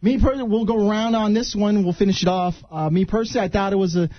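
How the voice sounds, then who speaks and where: A man's voice: high-pitched, fairly even intonation, rapid-fire. A man hosting a casual movie review chat, laid-back and laughing easily, repeating his phrases. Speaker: podcast host. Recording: dry, slightly dull sound.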